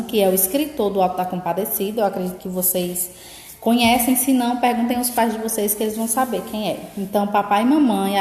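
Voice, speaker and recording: A woman's voice: a little high, dark tone. A woman teacher explaining a lesson, often checking in with tag questions. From Northeast Brazil. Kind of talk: remote school lesson. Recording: echoey room with long reverb.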